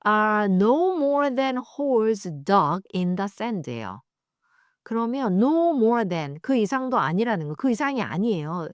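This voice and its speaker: Lively Korean woman teaching English reading. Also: mid-range voice, no room sound, clean studio sound. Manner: reads English slowly, explains quickly and chattily; acts out sounds and voices. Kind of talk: bilingual read-aloud lesson.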